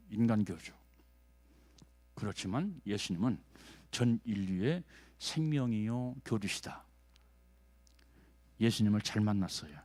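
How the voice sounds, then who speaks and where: A pastor with a mid-range voice preaches a sermon in a folksy way. He checks in with the congregation and swings between loud urging and hushed lines.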